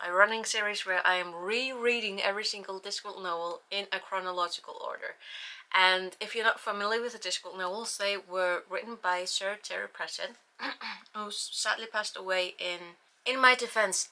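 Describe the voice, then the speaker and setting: A young Icelandic woman with an Icelandic accent hosts a casual book review vlog, talking about books she's read in a slightly self-deprecating way and often restarting her sentences. Her voice is mid-range with a sharp tone.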